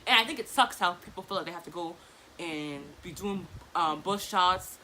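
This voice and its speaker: Bright-voiced young woman chatting over makeup. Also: fairly low pitch, normal speed, slight background noise, poor audio. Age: 20s. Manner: talking distractedly while applying makeup. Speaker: vlogger. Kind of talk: casual get-ready-with-me chit chat.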